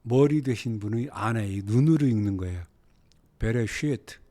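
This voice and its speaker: A man teaching a Bible lesson, dropping to hushed low phrases and then rising into urgent exhortation, with Hebrew words read out slowly. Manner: slow, drawn-out reading of Hebrew words.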